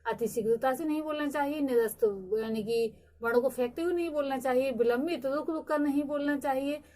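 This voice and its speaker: Higher-voiced young woman teacher lecturing with steady explanations and frequent fillers. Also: a little fast. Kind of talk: recorded lecture.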